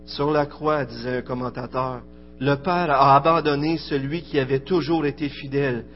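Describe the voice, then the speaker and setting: Emphatic preacher. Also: male voice, medium pitch, steady tone, moderate pace, slight background noise. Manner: emphatic, rising and falling preaching cadence. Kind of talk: sermon. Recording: dull lo-fi recording with faint music.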